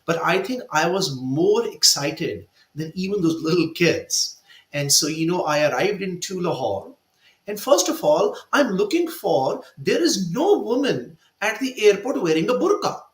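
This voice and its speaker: Speaking at a measured pace, a high-voiced Indian author recounts personal stories with feeling on a video call. The virtual event's audio is reverberant, and he tells his tales with emotion and animation.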